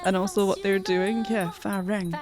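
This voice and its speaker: Woman streamer, playful and giggly, loose chat to viewers as she sketches, mid-pitched voice, music playing clearly underneath. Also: steady tone, normal speed. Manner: playful and giggly, chatting while drawing. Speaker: streamer sketching game characters. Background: music playing in the background.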